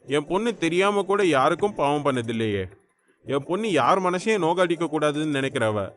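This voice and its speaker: A man's voice: a little high, lively intonation, a little fast, a bit bright. A man voicing a distraught middle-aged father pleading to God for his daughter, in an audiobook. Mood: grieving plea. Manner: pleading, lamenting. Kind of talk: audiobook character voice.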